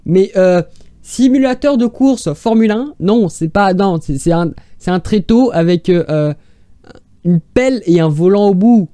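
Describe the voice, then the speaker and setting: A YouTuber tears into silly classified ads with exasperated sarcasm, rambling and restarting mid-sentence. The voice is mellow and warm in tone. It is recorded dry and close on a desk mic. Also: medium pitch, lively intonation, unhurried, no echo. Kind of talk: mocking commentary on screenshots.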